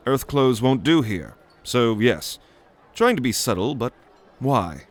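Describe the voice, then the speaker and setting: In an ASMR audio drama roleplay, a man plays the narrator and a weary magic teacher, lecturing in a dry, wry manner. His mid-range voice moves slowly, with big swings in pitch.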